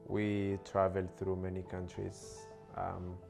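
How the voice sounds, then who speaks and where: A man's voice: low voice, completely flat delivery, slow, vocal fry, over music. A man from Somalia, telling his story plainly in a documentary interview.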